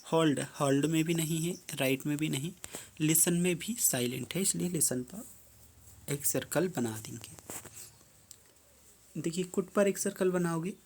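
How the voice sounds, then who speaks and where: This medium-pitched, somewhat mellow voice belongs to a teacher who takes a worksheet step by step. Each English prompt is read out slowly, then explained simply.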